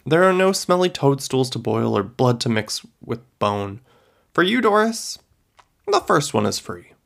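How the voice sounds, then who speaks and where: A man reading a storybook, voicing an older woman fortune-teller who speaks gently and matter-of-factly. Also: medium pitch, big pitch swings, unhurried, vocal fry, pitched above the performer's own voice, exaggerated voice. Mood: knowing, solemn. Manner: gentle, matter-of-fact, grandly solemn.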